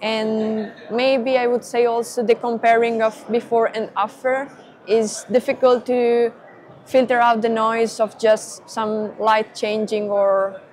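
A young woman explains a technical system at a trade-fair booth. She talks methodically, step by step, with small pauses and fillers. Her voice is close on a lapel mic. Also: a little high, flat delivery, darkish tone. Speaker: perception engineer guest.

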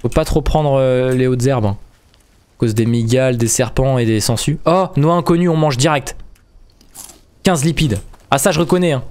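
A young man hosting a video game playthrough in casual commentary, excitable and stumbling over his words. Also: medium pitch, moderate pace. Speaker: gaming video host. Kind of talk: casual let's-play commentary.

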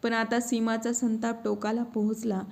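A woman narrating a family drama story, reading every character's lines in her own steady voice. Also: a little high, moderate pace, gravelly.

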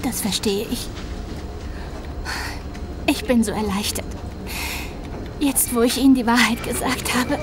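Pausing often and in no hurry, an actress with a slightly high voice close to her everyday one plays a young carer in a German audio drama. The character is anxious, devoted, earnest and hesitant, and her mood is distraught against noisy ambience.

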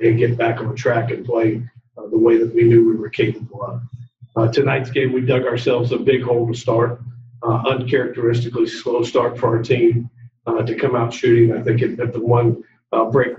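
Earnest coach with a flat, halting voice. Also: male voice, mid-range voice, roomy sound, recorded from a distance, highs cut off. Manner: halting, many uh fillers, earnest. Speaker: head coach. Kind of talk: postgame press conference. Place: press conference room.

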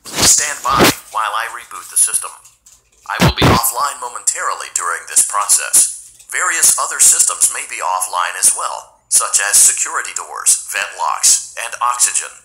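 A man voicing a calm computerized facility assistant through a synthesized computer voice, giving polite, even system announcements over noisy game audio. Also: fairly low pitch, normal speed, over music. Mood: announcing.

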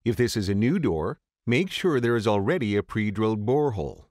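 Male narrator, lowish voice, dry booth sound, calm measured instructional read. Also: no echo. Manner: steady, measured reading of steps. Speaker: tutorial narrator. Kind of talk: scripted instructional voice-over.

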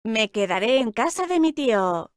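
A woman reading short travel phrases slowly, repeating each one word by word in a careful drill. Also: a little high, sing-song, no echo, studio quality. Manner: slow, careful, clearly enunciated. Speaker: language teacher voice.

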